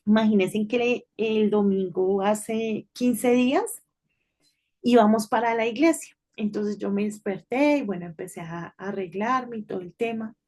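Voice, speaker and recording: A middle-aged woman giving an informal devotional talk to children, telling a story in a chatty way and often checking in with a quick "right?". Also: medium pitch, a little mellow. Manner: chatty storytelling with frequent tag questions.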